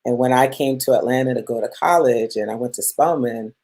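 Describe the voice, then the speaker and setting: A woman's voice: rumbling low, brisk, dark tone. A woman from Guyana who grew up in Brooklyn, a plant-based chef and health coach, hosting a live-streamed masterclass in an upbeat, chatty way and greeting viewers by name. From Guyana, raised in Brooklyn.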